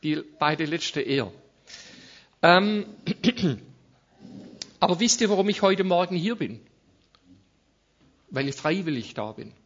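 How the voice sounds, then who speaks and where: A man's voice: on the high side, vocal fry, a bit bright, lo-fi sound. A man preaching a conversational sermon as a guest speaker, with frequent tag questions and restarts. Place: church service.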